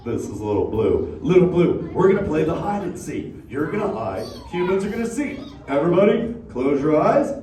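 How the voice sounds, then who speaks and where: This actor's sea turtle dad sounds a little high, sing-song and dark in tone, talking at normal speed with hardly any pauses. Relaxed and joking, he uses surfer slang and drawls "dude" and "bro" to an interactive live crowd. A distant mic picks up room echo and audience noise.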